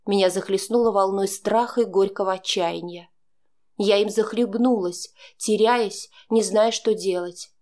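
A woman narrating a dramatic first-person audiobook in a measured storytelling manner. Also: medium pitch, fairly even intonation, darkish tone.

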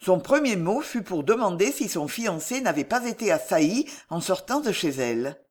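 Brief: woman narrator, dramatic audiobook read, lively melody. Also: on the low side, moderate pace. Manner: expressive, dramatic. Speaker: audiobook reader. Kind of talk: scripted narration.

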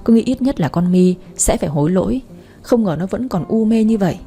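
A woman's voice: mid-range voice, lively intonation, fairly quick, mellow, soft background music. Woman narrating a first-person story. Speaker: audiobook narrator.

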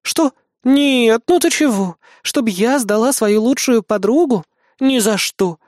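A man reading an audiobook, voicing a brash, scheming young goddess who talks loud and snappy. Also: extremely high pitch, lively intonation, normal speed, dry recording, studio quality, pitched above the performer's own voice. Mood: bossy. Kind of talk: audiobook character voice.

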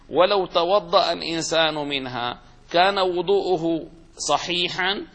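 Man, sheikh-style lecture, higher-pitched voice, reads a passage aloud then explains it, some hesitations and restarts. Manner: reads quoted text louder, then explains with fillers and restarts. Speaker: sheikh teaching a hadith commentary. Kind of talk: classical religious lesson, reading then explaining.

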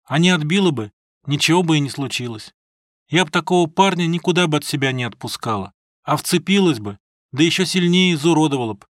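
A woman's voice: deep voice, animated, quick pace, no room sound, clean studio sound. A man reading an audiobook, voicing a drunk, bitter old village woman who scolds and rambles. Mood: scolding.

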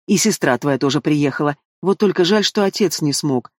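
A man's voice: on the high side, moderate pace, dry recording, clean studio sound, close to an everyday voice. A man voicing a scheming dragon woman ruler who talks in a sweetly condescending way. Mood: fake sweet.

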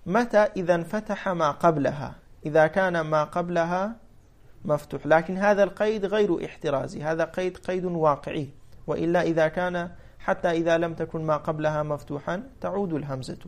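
A man with a voice a touch higher than most teaches a classical grammar lesson. He moves step by step, restating each point in new words. He often puts a question to his students and answers it himself. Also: fairly quick. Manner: repeats phrases and restates them for clarity. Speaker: teacher of Arabic morphology.

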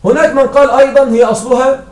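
High-voiced man teaching a grammar lesson. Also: flat delivery, rapid-fire, a little mellow. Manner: checks understanding with frequent questions to students. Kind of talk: classroom lesson explaining grammar. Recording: echoey room from far off.

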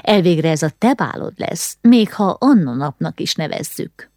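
A proud aristocratic mother in a spoken storybook, condescending and easily alarmed, played by a woman narrator. Her voice sits low but swings widely in pitch. The sound is dry with no room echo. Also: animated, warm tone. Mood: bossy. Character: haughty, fussy aristocratic mother, middle-aged woman.

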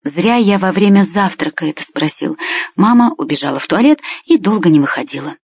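Husky woman reading a boy's story. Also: lowish voice, lively intonation, fairly quick, a little mellow, no echo. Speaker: audiobook reader. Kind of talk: first-person story narration voicing a boy. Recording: dry, slightly muffled lo-fi recording.

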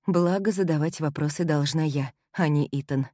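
Low-voiced woman narrating a novel. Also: normal speed, warm tone, no echo, studio quality. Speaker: audiobook narrator. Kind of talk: first-person novel narration.

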